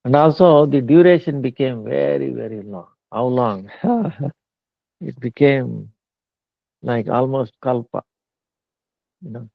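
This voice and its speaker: A man giving a slow devotional discourse, pausing often with fillers. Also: medium pitch, expressive, gravelly, dry recording. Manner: slow halting talk with many fillers. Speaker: spiritual teacher. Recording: tinny phone-like line.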